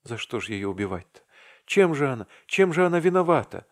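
Man doing heartbroken young clerk, storybook reading, anguished, low-pitched voice, pleading half-whispers. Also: lively intonation, moderate pace. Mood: grief-stricken. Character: meek young male clerk, delirious, heartbroken.

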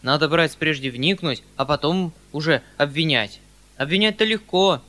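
Guy playing a fussy flustered old uncle, loud and excitable, bright voice. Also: fairly high pitch, moderate pace. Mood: flustered eager. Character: kindly, flustered older landowner uncle.

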